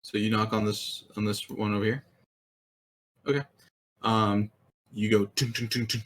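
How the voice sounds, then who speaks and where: A man's voice: lowish voice, flat delivery, normal speed, a bit bright, a little hiss or hum. A man narrating as game master of a tabletop game, hesitant with frequent ums. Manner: hesitant, many ums and uhs.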